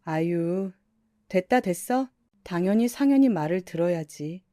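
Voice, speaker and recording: A scolding, overbearing older mother-in-law, put on by a woman narrator. She nags in a shrill, reproachful way. Her voice is mellow and the recording is dry and close. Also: animated, unhurried, dry recording. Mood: smug.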